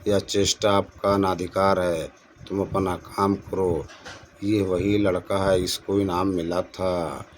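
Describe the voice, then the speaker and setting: Low-voiced man teaching an exam-prep lesson. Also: flat delivery, takes it slowly, slight background noise. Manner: explains answers by repeating the correct form; addresses viewers as friends. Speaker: teacher and channel host.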